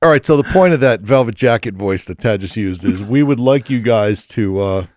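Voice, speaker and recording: A man's voice: on the low side, animated, moderate pace, a little mellow. A man hosting a podcast from a studio, easygoing and joking as he runs the show. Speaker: podcast host. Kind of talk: casual studio chat.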